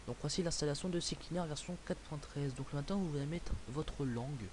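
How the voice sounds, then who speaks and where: His voice on the high side and a little mellow, a young man from France moves briskly through a computer tutorial recorded from his screen. The delivery is casual and rambling with frequent fillers and restarts, and the home recording is hissy.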